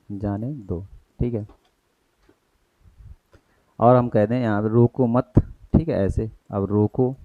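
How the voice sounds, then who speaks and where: An Indian-accented man teaches an exam-prep grammar class, mixing English terms into his explanations and posing questions he answers himself. His voice is mellow and dark. The recording is dry and slightly dull. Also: mid-range voice, no room sound.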